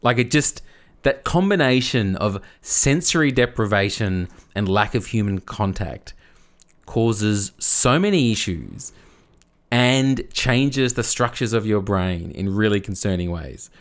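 A man's voice: on the low side, lively intonation, measured pace. A man co-hosting a casual podcast, explaining a topic at length, often restarting and repeating words as he goes. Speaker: podcast co-host.

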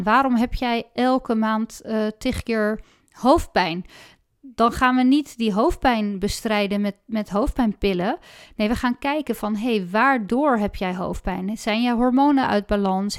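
Clear-voiced woman in her thirties. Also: a little high. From Netherlands. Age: 30s. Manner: earnest explaining, frequent hesitations. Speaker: guest health coach. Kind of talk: podcast interview.

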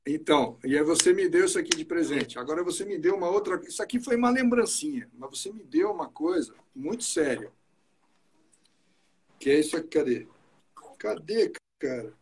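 A man hosting a casual chat, showing and describing objects to his guest in a relaxed, talkative way. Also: on the high side, fairly quick. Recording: noisy recording with clicks.

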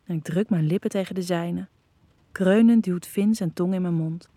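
A woman narrating a first-person erotic audio story, calm and intimate. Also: fairly low pitch, moderate pace, dry recording.

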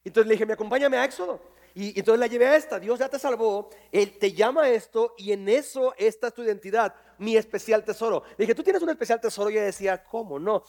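A man preaching a sermon to his congregation, lively and jokey, quizzing people on verses. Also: high-pitched, fast, hardly any pauses. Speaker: pastor. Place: church hall with congregation.

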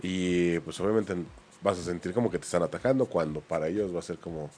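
A man's voice: deep voice, fast talker, a little mellow. A man co-hosting a casual chat, thoughtful with some hesitant restarts. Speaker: co-host.

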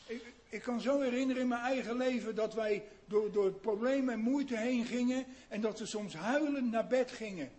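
A man preaching a sermon in an earnest way, asking his listeners questions and swinging between hushed and loud emphasis. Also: very high-pitched, normal speed. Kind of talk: sermon on a psalm.

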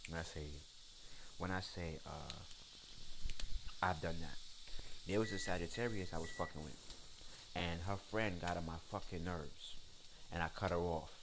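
A man's voice: sits low, normal speed, long pauses, background noise. A man hosting a podcast, ranting in a blunt, profane, slangy and emphatic way. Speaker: podcast host. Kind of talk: casual solo rant.

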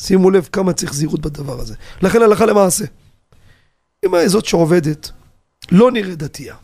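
Animated, gravelly-voiced rabbi on the radio. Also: male voice, sits high. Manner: animated, asks rhetorical questions, tells anecdotes. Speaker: rabbi teaching on a radio show.

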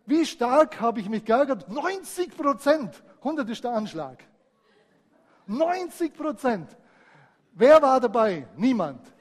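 A man preaching a sermon, lively, swinging between loud emphasis and quiet asides. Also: very high-pitched. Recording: reverberant hall.

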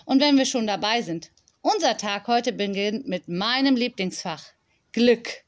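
A playful, kind storybook teacher, as a woman reader puts her on, with a high, sing-song voice full of cheer. She talks with gentle enthusiasm, as if everything at school is a small wonder. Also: expressive, unhurried. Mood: joyful, playful.

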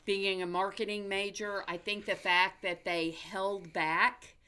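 A woman's voice: mid-range voice, flat delivery, measured pace, sharp tone, smooth. An American woman hosting a casual movie news chat in an upbeat, chatty, folksy way. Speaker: movie podcast host.

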